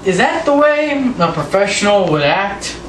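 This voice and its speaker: A high-voiced eighteen-year-old man cutting a backyard wrestling promo, all sarcasm and taunts. He sounds set back from the mic in an echoey room, with steady noise underneath. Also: unhurried. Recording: roomy, distant, noisy home recording.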